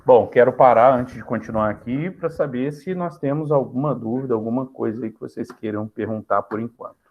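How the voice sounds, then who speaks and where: A man's voice: mid-range voice, a little fast, highs cut off. A man with a Brazilian Portuguese accent teaching a live grammar class in a casual way, often checking in with students.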